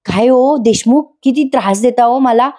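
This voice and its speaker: A woman reads a young wife who sulks and teases by turns. She speaks in a soft, mellow voice that sits fairly high. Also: normal speed, lightly acted. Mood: sulky playful. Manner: pouting, playful. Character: young wife and student, playful and sulky. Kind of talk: reading a character's lines in a TV review.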